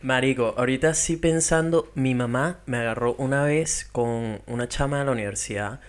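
A man's voice: medium pitch, moderate pace. A young man with a Venezuelan accent, co-hosting a casual podcast chat and telling stories with lots of laughter. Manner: animated storytelling, laughs often. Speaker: podcast co-host.

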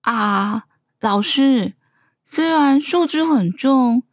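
A woman voicing a shy, gentle young crocodile pupil who talks hesitantly with drawn-out ah sounds. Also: high voice, animated, dry recording, clean studio sound, exaggerated voice.

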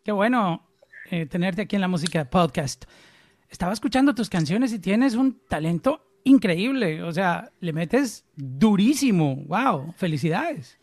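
A man's voice: high voice, lively intonation, unhurried, no room sound. A man from Colombia with a Colombian accent, hosting a podcast interview in an enthusiastic, casual way with frequent small restarts. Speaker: podcast host.

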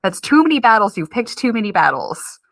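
Bubbly woman co-host, bright voice, dry close sound, lots of laughter. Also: medium pitch, big pitch swings, a little fast, dry recording. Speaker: podcast co-host. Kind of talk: casual chat. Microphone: remote call.

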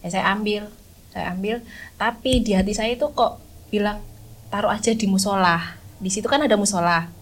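A woman, a podcast guest who recalls a camping trip in a casual, halting way, often stopping to search for words. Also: mid-range voice, low-quality recording. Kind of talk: casual spoken recollection.

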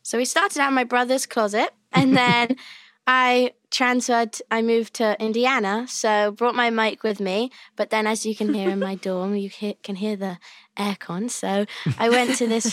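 A woman's voice: on the high side, fairly even intonation, moderate pace, a bit bright, dry recording. A young woman from England with a British accent, chatting upbeat as a guest actor in an interview. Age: young adult. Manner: chatty and upbeat, with frequent likes and little laughs. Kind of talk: casual interview chat.

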